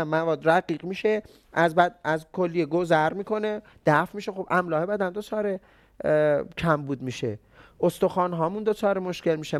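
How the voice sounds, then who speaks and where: A man with a somewhat high voice teaches traditional medicine in a relaxed, conversational way. He keeps asking his listeners questions and then answering them himself. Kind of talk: explanatory health talk.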